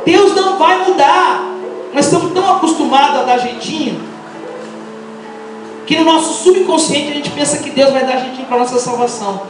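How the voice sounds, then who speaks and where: A middle-aged woman with a Brazilian accent preaching an impassioned Pentecostal sermon, firing rhetorical questions and breaking into shouts. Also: sits high, moderate pace, over music. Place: large church hall. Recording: echoey church hall, mic far off.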